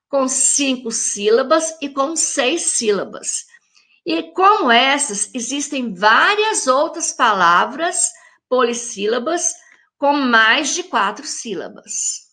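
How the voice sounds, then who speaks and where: A Brazilian woman teacher with a Brazilian Portuguese accent, giving a lesson to young pupils and stretching each example word out slowly. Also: high voice, bright, forceful tone. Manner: slow, drawn-out syllables when saying example words; addresses young pupils directly, friendly teacher tone. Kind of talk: recorded classroom lesson for children.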